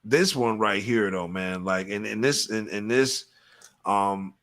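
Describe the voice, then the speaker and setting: On a live show, this host's voice is lowish, a bit bright and unhurried. His banter is relaxed but profane and forceful, and "you know what I'm saying" comes up again and again.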